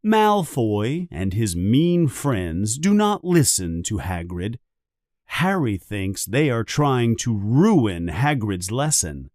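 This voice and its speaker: A man narrating a simple storybook for learners in a very slow, expressive reading. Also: fairly low pitch, dry recording, studio quality.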